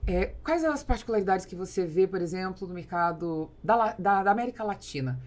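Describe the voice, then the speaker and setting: With a mid-range, slightly mellow voice and lively intonation, this Brazilian-accented podcast host talks fairly quickly. In her small, foam-lined studio, using a boom-mounted mic, she conducts a conversational interview, stringing together long explanatory questions.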